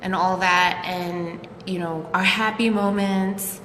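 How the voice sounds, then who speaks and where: A woman's voice: fairly low pitch, slow, reverberant, in a large hall, slight background noise. A woman co-hosting a live chat, talking casually and animatedly with lots of filler words. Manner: chatty, animated, full of "like" and "you know".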